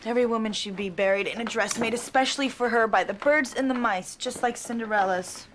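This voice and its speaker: An actress playing a sharp-tongued, sardonic blind woman who teases with dry, biting humor. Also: fairly high pitch, brisk, a little hiss or hum, natural voice. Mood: wry. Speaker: film character, blind sister.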